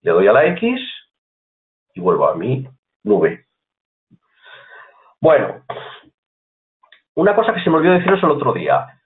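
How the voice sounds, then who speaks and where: A man's voice: mid-range voice, wildly swooping pitch, measured pace, long pauses. Chatty man teaching, tinny lo-fi sound. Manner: chatty, repeats points, asks "¿vale?" often. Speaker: computer course teacher. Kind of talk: screen-recorded software tutorial. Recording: tinny phone-like audio.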